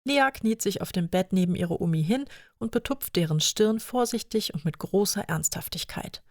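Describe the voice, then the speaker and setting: A woman narrating a story in a calm, measured reading voice. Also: medium pitch, dry recording, clean studio sound.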